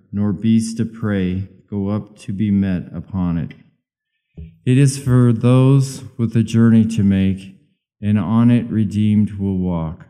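A middle-aged man reading scripture and psalms at Mass as a lay reader, solemn and deliberate. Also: lowish voice, mellow, in a large hall. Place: small church sanctuary, at the lectern.

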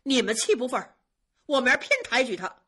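A woman's voice: fairly high pitch, brisk, a bit bright, slightly rough, pitched above the performer's own voice. A woman storyteller voicing a spoiled young nobleman who sighs and scolds in exasperation. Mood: irritated. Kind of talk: traditional storytelling.

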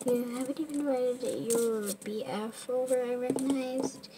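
Woman doing a bossy fussy mom, slow talker, noisy background hiss. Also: high-pitched. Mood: coaxing. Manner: scolding, nagging, self-important. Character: bossy fussy mother of a teen daughter. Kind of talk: toy figure short film acting. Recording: home recording with steady background noise.

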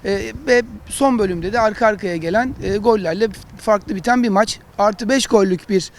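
A man talking through match analysis as a football pundit, in halting, explanatory phrases. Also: high voice. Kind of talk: analytical studio discussion of matches.

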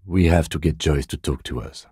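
A voice actor plays a reserved, middle-aged police detective from a video game, his extremely deep, soft-edged voice carrying a breathy edge in an exaggerated performance. It is recorded dry and close. He stays calm and measured, speaking in formal phrases with understated, principled restraint.

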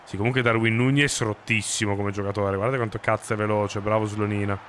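A man's voice: on the low side, flat delivery, brisk, a bit bright. A man, doing live football video game commentary in an emphatic, exclaiming way. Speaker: game streamer. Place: indoor streaming room. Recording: clear background game noise. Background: football game stadium ambience.

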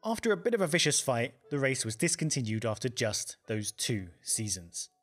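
A man reading a scripted documentary voice-over in a brisk, wry, emphatic way, with faint music behind. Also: medium pitch, big pitch swings, a bit bright. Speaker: narrator.

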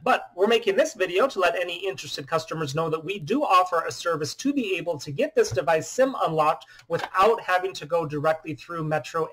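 Slightly high-voiced man explaining a phone. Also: slightly rough. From US Midwest. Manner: steady explanatory talk. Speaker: phone repair shop owner. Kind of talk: product demo vlog. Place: small room indoors.

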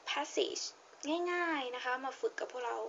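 A woman's voice: high-pitched, a bit bright, muffled recording, slight background noise. A young woman with a Thai accent teaching a reading lesson, patiently repeating her points and stressing words as she reads aloud. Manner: patient, repeats points with frequent polite particles; reads English passage slowly with stressed words. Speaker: English teacher.

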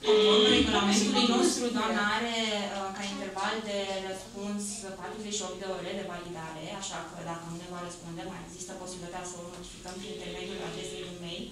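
A woman's voice: on the low side, fairly even intonation, few pauses, a crowd in the background. A woman in her thirties hosting a live raffle draw at a clinic, introducing guests and coaxing a small child to pick the winner, in a cheerful, upbeat way. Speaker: event host. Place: large clinic lobby indoors. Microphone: handheld mic filmed by a far camera. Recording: echoey room from far off, noisy.

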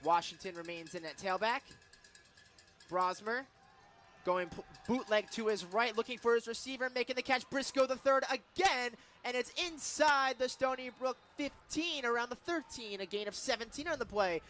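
This American radio announcer has a very high, bright voice and follows each football snap live, excitable and emphatic throughout. He keeps a moderate pace over faint background music, ramping up to emphatic calls on big plays.

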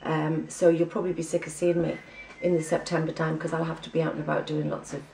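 A woman's voice: low-pitched, little pitch movement, fast talker, creaky, darkish tone, roomy sound, recorded from a distance, a little hiss or hum, low-quality recording. A woman with an English accent giving a breezy, chatty catch-up to camera, full of ums. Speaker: vlogger giving a personal catch-up. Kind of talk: casual chat to camera.

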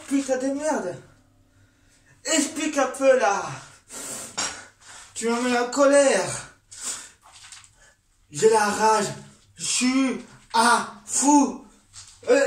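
A man's voice: extremely high pitch, fairly bright tone, recorded from a distance, a little hiss or hum. A man ranting with angry, repetitive venting and swearing in a fed-up football rant. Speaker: vlogger. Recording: echoey room, voice from afar.

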